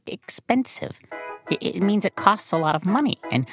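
A woman's voice: mid-range voice, expressive, normal speed, soft background music, lightly acted. A woman voicing a patient, explaining winged sidekick who corrects her friend.

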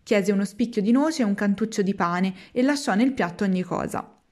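A woman reading a children's classic aloud, in a measured, expressive narrating voice. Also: medium pitch. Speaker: storyteller.

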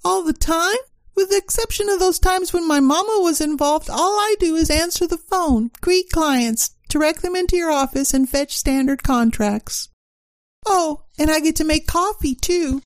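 A woman's voice: very high-pitched, moderate pace, no echo, clean studio sound. A woman playing a sassy, bossy detective's secretary full of tough slang in a comic radio play. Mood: grumbling.

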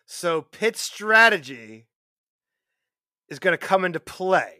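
A man's voice: high-pitched, sing-song, takes it slowly, pushed and bright, no echo, studio quality. A man co-hosting a podcast, talking casually and playfully about racing bets, cocky and fond of repeating catchphrases. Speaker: podcast co-host.

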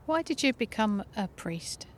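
A woman's voice: on the high side, sing-song, measured pace, slight background noise. A woman interviewer asking curious, lightly teasing questions.

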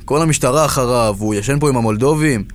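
A man's voice: mid-range voice, lightly acted. An actor playing a hesitant, worried young man in a radio drama. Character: young man, troubled reformed friend.

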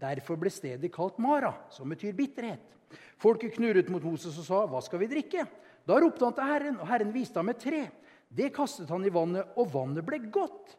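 A man with a high voice preaches a sermon, swinging between loud excited outbursts and quiet, chatty asides. His voice rings with long reverb from a church hall.

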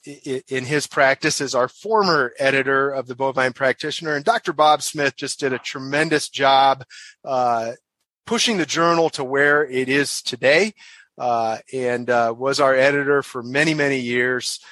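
A man who is a podcast host and association director introduces guests on a professional podcast, hesitating often with "uh" fillers, repeated words and restarts. His mid-range voice is pushed and bright at a normal speed. There's no echo.

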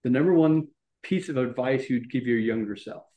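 A man with a warm, mid-range voice hosts a podcast interview at a normal speed. His questions are loose, often restarting and rambling in a casual way.

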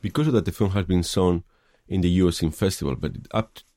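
Answering an interviewer, the Spanish film director speaks thoughtfully but hesitantly, with frequent filler pauses. He is middle-aged, with a Spanish accent and a deep, gravelly, mellow tone, recorded close and dry without any echo.

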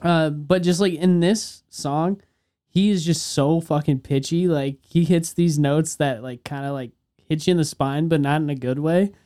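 A man's voice: a little high, fairly even intonation, normal speed, warm tone. A young man co-hosting a music podcast, talking casually, swearing freely and trailing off mid-thought. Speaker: podcast co-host. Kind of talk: casual chat about music.

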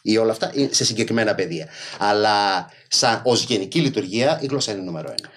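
Male podcast guest, mainland Greek accent, lowish voice with very lively swings, emphatic conversational storyteller. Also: slight background noise. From Greece. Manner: animated, emphatic, acts out quoted speech.

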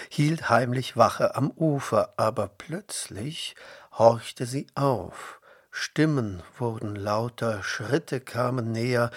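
A man reading a children's bible story aloud with calm, deliberate storytelling. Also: mid-range voice, dry recording, studio quality. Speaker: reader.

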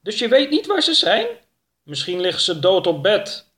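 A man voicing a curious young male creature in a high, lively put-on voice. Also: normal speed, full character voice.

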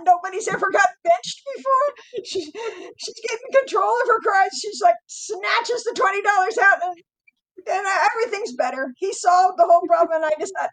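A middle-aged woman guest telling family stories in a casual chat, animated and laughing often. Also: very high voice, vocal fry, rough recording.

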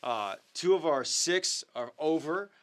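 Speaking slowly with lively intonation, this man has a bright-ish voice on the high side. The youth ministry leader hosts a live talk show, offering updates and a devotional in a casual, earnest, upbeat manner peppered with ums and uhs.

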